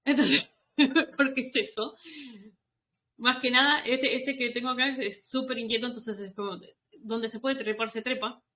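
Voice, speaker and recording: A woman's voice: on the high side, steady tone, moderate pace, sharp tone. A woman with a Rioplatense Spanish accent hosting a casual parenting conversation, chatty and rambling, laughing often.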